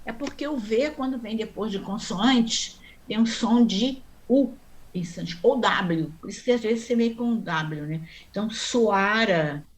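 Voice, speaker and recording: A woman teaching a Sanskrit class online, explaining step by step and often checking in with her students. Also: mid-range voice. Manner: chants mantra syllables slowly.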